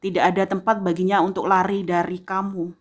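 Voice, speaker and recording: A woman giving a tarot reading, speaking straight to the viewer and tagging most phrases with a soft "ya". She repeats phrases slowly for emphasis. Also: fairly low pitch, little pitch movement. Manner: addresses the viewer directly, filling pauses with a frequent "ya"; slow, emphatic repetition of phrases. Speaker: tarot reader.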